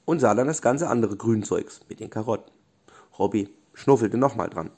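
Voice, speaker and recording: Gentle bedtime storyteller, man, warm low-bright voice with lively melody; brief: soft and unhurried. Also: breathy edge. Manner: gentle, with small restarts. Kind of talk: children's bedtime story reading.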